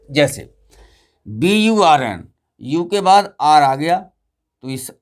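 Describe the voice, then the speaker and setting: A male teacher with a somewhat high voice, giving a patient pronunciation lesson aimed at children. He spells out each letter slowly and keeps checking in with the class with short, repeated prompts.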